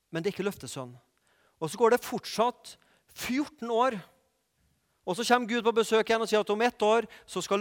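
Male preacher, kinda high voice, chatty storytelling sermon, long echo like a big hall. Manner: lively storytelling with asides and questions to the audience.

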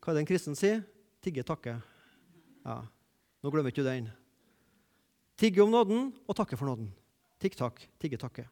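High-pitched guy preaching, repeats himself for emphasis, gets loud then hushed. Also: sing-song, pauses often. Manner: emphatic, repeats key phrases, rises and drops sharply in loudness. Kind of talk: sermon.

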